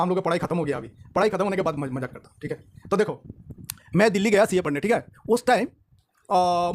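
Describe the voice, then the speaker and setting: A male accountancy tutor with a fairly high voice talks straight to his students. His delivery is lively and preachy, and he breaks off to tell a joke. Faint noise hums under the recording. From India. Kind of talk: lecture and chat to students.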